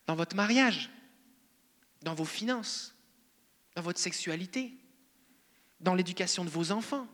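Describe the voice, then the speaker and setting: French-accented male pastor, high bright voice, casual playful sermon, long church-hall reverb. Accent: French (France). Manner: conversational, playful preaching.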